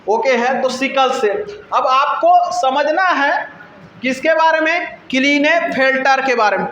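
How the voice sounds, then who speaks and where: High, bright-voiced teacher quizzing himself. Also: male voice, a little slow, slight background noise. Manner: repeats questions and answers them himself. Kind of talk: classroom lecture. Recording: roomy, dull lo-fi sound.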